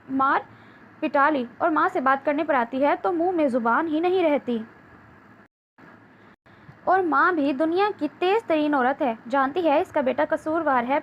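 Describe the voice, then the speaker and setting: A woman reading the part of a defiant, angry young wife in an audiobook novel, with a sharp, scolding delivery. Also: sits high, lightly acted. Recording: dull lo-fi with faint hiss.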